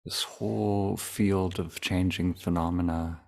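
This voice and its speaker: A male teacher with a low, gravelly voice guides a meditation. He is calm and deliberate, using short phrases and leaving long pauses.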